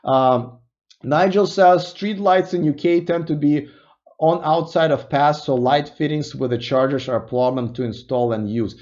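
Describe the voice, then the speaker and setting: A man's voice: a little high, moderate pace, a little mellow, dull audio. A man from Russia hosting an electric car news stream, casually reading viewer comments and thinking aloud with restarts and musing asides.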